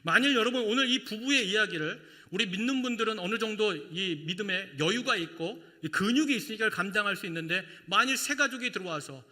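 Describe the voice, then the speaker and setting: A male pastor delivers a lively sermon in a high, sharply bright voice. His words ring out with a long hall reverb around them. He keeps turning to the congregation with rhetorical questions. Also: a little fast, hardly any pauses. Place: church sanctuary.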